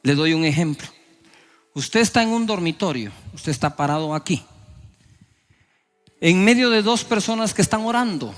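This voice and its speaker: A man's voice: sits high, expressive, moderate pace, long pauses. A middle-aged male pastor preaching a sermon, acting out people's prayers with sudden raised voices. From Guatemala.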